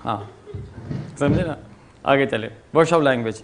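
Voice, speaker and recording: A middle-aged man from Pakistan leading a workshop, telling stories in an animated way and slipping into English phrases. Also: medium pitch. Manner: animated storyteller, acts out quoted exchanges, mixes in English. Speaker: workshop trainer. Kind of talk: lively lecture to a class. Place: training room with a group.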